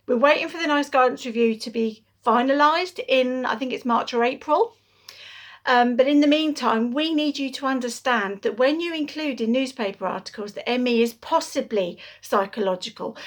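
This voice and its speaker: A woman speaking earnestly to camera in an advocacy vlog, out of breath, pausing and restarting as she talks. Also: fairly high pitch. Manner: earnest, pauses and restarts mid-sentence. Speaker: awareness campaigner.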